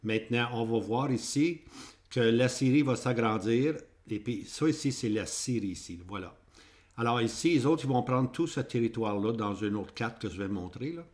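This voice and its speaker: A man's voice: medium pitch, normal speed, a little mellow. Man teaching with a Québécois French accent. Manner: repetitive, checks in with "hein?" and "ok?". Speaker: Bible teacher. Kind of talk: Bible prophecy lesson with maps.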